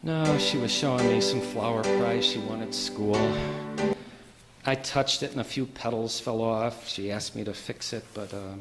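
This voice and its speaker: A man acting a harried small-town banker and father in a stage radio play, urgent and emphatic, halting when rattled. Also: on the high side, big pitch swings, over music. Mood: weary, bitter. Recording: echoey hall with background noise.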